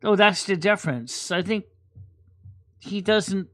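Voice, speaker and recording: A woman's voice: mid-range voice, animated, unhurried. A woman hosting a casual livestream chat, rambling and repeating words as she thinks aloud. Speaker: host.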